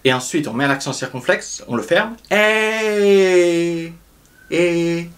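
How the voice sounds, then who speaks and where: A man's voice: medium pitch, big pitch swings, fairly bright tone. A young man teaching a pronunciation lesson, patiently explaining each sound and repeating it several times. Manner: explains slowly, repeating sounds and drawing them out. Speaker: language teacher.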